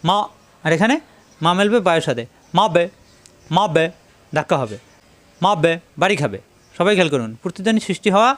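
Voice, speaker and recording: High-voiced man teaching Quran pronunciation. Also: fairly bright tone. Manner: repeats sounds slowly and patiently to demonstrate; recites verses in slow drawn-out chant. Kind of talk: tajweed lesson.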